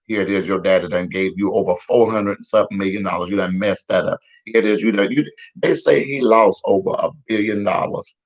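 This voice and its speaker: A man giving casual, profane news commentary in a heated, repetitive rant, a little hoarse. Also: lowish voice, a little fast, low-quality recording. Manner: profane, heated, repetitive, laughs at own jokes. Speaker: vlogger giving street-style news commentary.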